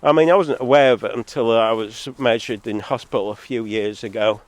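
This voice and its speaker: A man with a head cold speaks briskly in a rambling, contentious vlog, adding sardonic asides. He was born in Zambia and lives in England. Recorded dry on a phone or camera at too high a level, the sound distorts and clips.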